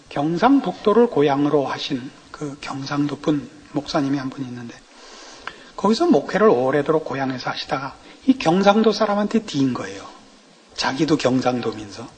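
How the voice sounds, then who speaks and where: A man's voice: high voice, a little hiss or hum. A middle-aged man preaching an expository sermon, telling humorous anecdotes and asking the congregation rhetorical questions. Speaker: pastor. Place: church sanctuary. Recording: reverberant church hall.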